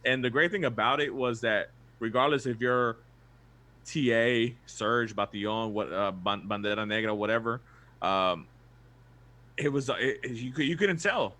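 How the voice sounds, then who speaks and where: A man's voice: mid-range voice, moderate pace, pushed and bright. A man co-hosting a fan podcast, talking in a laid-back way full of fillers. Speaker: podcast co-host. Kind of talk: casual chat.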